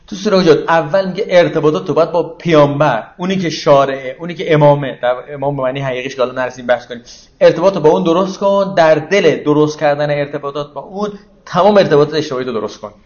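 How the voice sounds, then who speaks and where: A man giving an informal religious lecture, explaining verses conversationally and asking the audience rhetorical questions. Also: on the high side. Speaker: religious teacher. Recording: echoey, dull lo-fi room recording.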